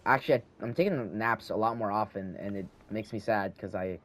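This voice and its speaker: A teenage boy who hosts a gaming channel rambles and thinks aloud over gameplay at home, speaking into a handheld mic with a slight lisp. His voice is lowish, fairly bright and a little fast, and his talk meanders with frequent restarts.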